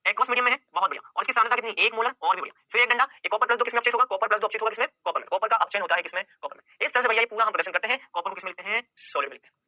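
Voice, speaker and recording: A man's voice: sits high, very fast, hardly any pauses, bright, forceful tone, no room sound, dull audio. A male chemistry teacher giving an exam-prep lecture, firing off questions and answering them himself and repeating key points over and over.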